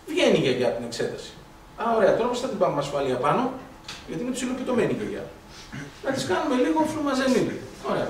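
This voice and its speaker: Male medical lecturer, animated and high-pitched, distant mic with faint noise. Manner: animated storytelling, acts out dialogue, rhetorical questions. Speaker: doctor lecturing on blood gases. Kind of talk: lively medical lecture with anecdotes. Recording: echoey hall from far off, faint noise.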